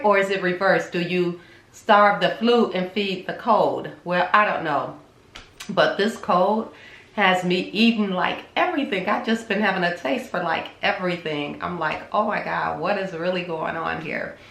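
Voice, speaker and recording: This woman from Chicago has a fairly low, fairly bright voice with a roomy sound. She's a vlogger with a cold, sounding congested as she chats casually to camera. She rambles along with lots of ums.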